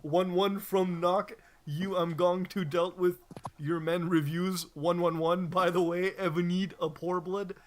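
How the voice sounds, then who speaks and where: A man doing a shrill, whiny teen goth girl. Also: level tone, a little slow. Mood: indignant. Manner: shrill, indignant and over the top. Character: whiny teenage goth girl author, melodramatic.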